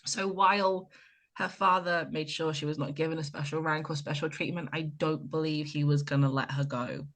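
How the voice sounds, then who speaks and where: A woman from Ireland co-hosting a casual chat podcast, retelling scenes with lively quoted voices. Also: sits low, normal speed. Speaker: podcast co-host.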